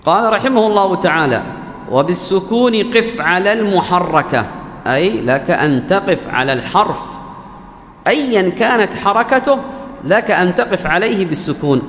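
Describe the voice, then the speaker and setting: A man teaching the rules of Quran recitation in a religious lesson, speaking deliberately and repeating key phrases for emphasis. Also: sits high, animated, fairly bright tone. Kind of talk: religious lesson explaining a verse text. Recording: echoey hall with faint background hum.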